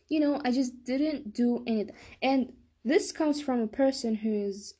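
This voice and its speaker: A young woman hosts a solo podcast, talking casually in a monologue. Her mid-range voice has a dark tone, and she sounds hesitant, often stumbling and rephrasing.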